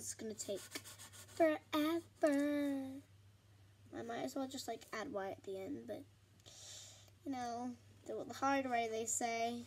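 Slightly high and fairly bright, this young vlogger's voice carries over slight background noise. She chats to herself in a giggly, rambling way, narrating her pastel drawing for an art vlog.

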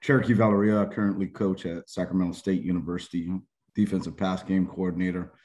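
A man's voice: deep voice, little pitch movement, quick pace, darkish tone. A middle-aged man from Hawaii, a college football coach, introducing himself earnestly and plainly on a video call from home. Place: home room indoors. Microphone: video call webcam.

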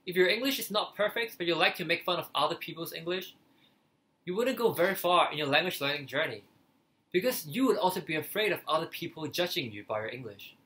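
A man's voice: on the high side, expressive, a little fast, pushed and bright, rough recording. A young man from Hong Kong with a Cantonese accent, a native Cantonese speaker, talking earnestly to camera as a language-learning vlogger. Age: young adult. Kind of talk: earnest opinion talk to camera. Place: small living room, indoors.

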